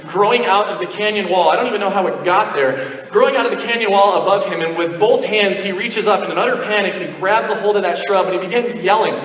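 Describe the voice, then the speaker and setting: A male pastor telling a long personal story in a sermon, animated and self-mocking. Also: high-pitched, quick pace. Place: church sanctuary. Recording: echoey hall, mic from far off.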